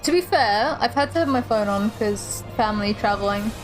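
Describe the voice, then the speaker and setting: A woman's voice: mid-range voice, animated, moderate pace, faint music behind, low-quality recording. A young woman streaming a game, chatting casually and self-deprecatingly with friends on a call. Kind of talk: casual chat while streaming.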